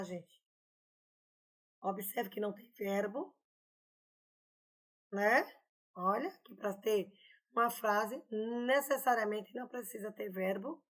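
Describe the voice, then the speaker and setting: Woman teacher, chatty, explaining grammar, bit high voice, keeps asking if everyone's following. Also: fairly bright tone. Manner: chatty, explanatory, often adding "né?" and "tá, gente?". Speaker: Portuguese teacher. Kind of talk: online grammar lesson.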